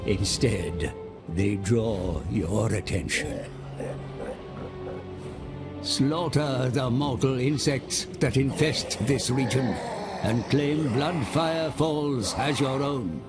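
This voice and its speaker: In a gravelly, creaky voice that's mid-range and close to his everyday speech, a man plays a fawning seer who counsels demonic warlords. His delivery is theatrical, deliberate and sly, ominously pressing for slaughter, with dramatic music underneath.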